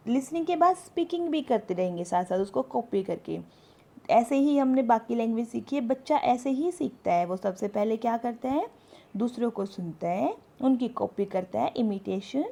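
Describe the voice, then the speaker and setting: Slow, gravelly-voiced woman teacher. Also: on the high side, warm tone. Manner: slow, explanatory, reads English tips aloud. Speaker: English teacher. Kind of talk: spoken English lesson in Hindi.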